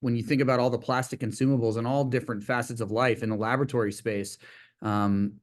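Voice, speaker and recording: A man giving an informal business presentation over a video call as a company executive, with hesitant, halting phrasing. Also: medium pitch.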